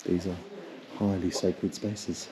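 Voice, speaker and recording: A lower-pitched man with a lilt talks through a travel vlog, hushed and full of wonder as he walks through mountain temples. The recording carries a steady wash of outdoor noise behind him. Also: slow pace. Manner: wondering, softly reverent in temples. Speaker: motorcycle tour leader. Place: outdoors and inside mountain monasteries.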